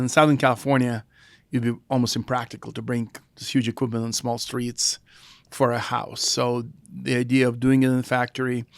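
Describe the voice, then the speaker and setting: A middle-aged man with a Russian accent, a guest telling his founder story in a halting, thoughtful way. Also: mid-range voice, dry recording, clean studio sound. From former Soviet Union. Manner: halting, thoughtful delivery with restarts. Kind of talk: casual podcast conversation.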